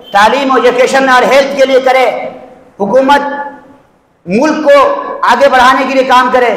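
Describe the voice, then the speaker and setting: High-pitched impassioned male preacher, echoey hall. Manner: impassioned, exhorting, rising to shouts. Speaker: Islamic preacher. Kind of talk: mosque sermon. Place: mosque prayer hall.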